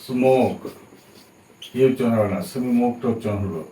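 With a warm voice on the low side and a moderate pace, a Bengali-speaking man teaches spoken English pronunciation. He spells out letters patiently and checks in often to see that students keep up. The mic is distant in an echoey room, picking up faint hiss.

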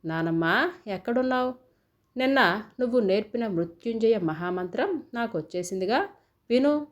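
A woman's voice: on the high side, expressive, moderate pace, lightly acted. A woman voicing a young boy grandson in a storybook, sobbing and pleading as he talks. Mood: eager. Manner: sobbing, pleading child talk.

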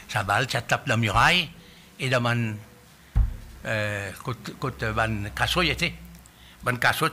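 A man giving halting testimony at a public hearing, often restarting as he searches for words. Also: fairly low pitch, sharp tone, slight background noise. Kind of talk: spoken testimony. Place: hearing room.

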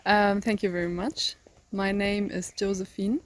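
Jovem alemã hesitante, com sotaque alemão. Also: female voice, medium pitch, little pitch movement, unhurried. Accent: German. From northern Germany. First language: German. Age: teens. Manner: thoughtful, searching for words, many ums and restarts. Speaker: interview guest, volunteer. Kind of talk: casual interview answers. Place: outdoors in a green garden. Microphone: handheld phone held by interviewer.

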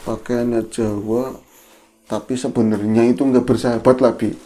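A woman's voice: rumbling low, normal speed. A woman co-hosting a podcast, casually retelling a spooky story and slipping into the voices of the people in it. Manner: animated retelling, shifting into quoted voices. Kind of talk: casual horror storytelling chat.

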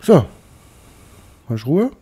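Excitable German gamer swearing at the screen. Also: male voice, on the high side, drawn-out words, slightly rough. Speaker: let's play host. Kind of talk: casual gameplay commentary. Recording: game music behind voice.

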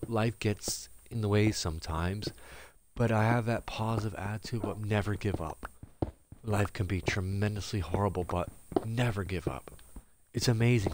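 Loud game music fills the noisy background as this fairly low-pitched man, a gaming streamer with a stuffy nose, rambles upbeat commentary to his viewers. It is casual live gameplay talk delivered while he plays.

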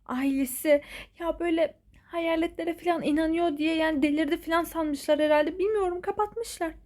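A worried schoolgirl in a toy-figure story drama, played by a woman, anxious and urgent, with a high voice. She often drops to a hushed tone. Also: steady tone, normal speed. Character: worried loyal schoolgirl friend.

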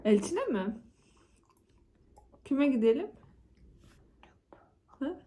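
Casting: woman, mother talking to a baby, high but soft-toned voice, coaxing and repeating simple words during feeding. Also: lively intonation, a little slow. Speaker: mother feeding her toddler. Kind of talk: casual talk to a baby at mealtime.

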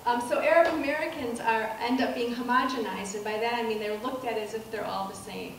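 A middle-aged female professor gives a public talk in a soft, slightly high voice with a steady tone, measured and marked by frequent ums and restarts. She speaks into a handheld mic on a dark auditorium stage with a projector screen, but the recording comes from a far camera, sounding very echoey with room noise.

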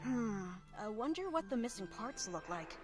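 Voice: mid-range voice, very animated, normal speed, lightly acted. An actor voicing a polite, curious, slightly hesitant young boy in a video game. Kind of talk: video game character acting. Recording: game music playing loudly behind.

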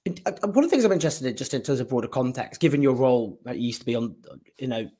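Husky-voiced male interviewer. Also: mid-range voice, expressive, rapid-fire, warm tone. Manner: conversational, thinking aloud while framing questions. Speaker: host, interviewer. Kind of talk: political interview.

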